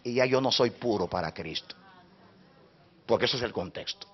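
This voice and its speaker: A man preaching a sermon as pastor, impassioned, swinging between hushed passages and loud, rising preaching. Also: medium pitch, expressive, normal speed, breathy edge. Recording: dull lo-fi recording.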